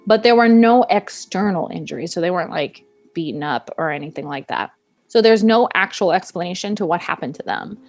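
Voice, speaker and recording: A woman's voice: on the low side, lively intonation, a little fast. A young woman co-hosting a podcast, telling a story in a playful, chatty way with jokey asides. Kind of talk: casual storytelling chat. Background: soft background music.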